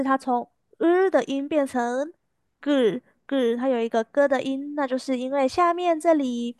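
A woman with a bright, high voice leads a language lesson and repeats each word slowly and clearly so students can copy it. The sound is close and dry, with no room around it. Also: no room sound. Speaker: language teacher.

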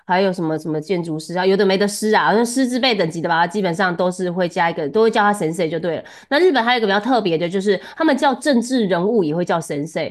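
A woman's voice: mid-range voice, expressive, quick pace, few pauses. A woman giving a one-on-one Japanese lesson, chatty and laughing often as she coaches pronunciation. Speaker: Japanese tutor.

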